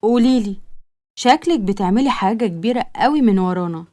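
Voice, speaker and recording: A woman's voice: mid-range voice, lively intonation, quick pace, mellow, lightly acted. A woman with an Egyptian accent voicing a skeptical young woman who warns her sister in a mocking tone. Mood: warning. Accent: Egyptian Arabic. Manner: warning, mocking.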